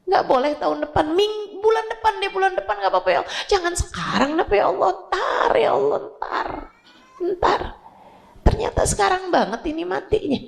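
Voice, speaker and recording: A woman's voice: extremely high pitch, expressive, brisk, creaky, voice pushed up, exaggerated voice. A woman preacher acting out a dying sinner who begs God for more time, pleading and bargaining over and over within her sermon. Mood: desperate pleading.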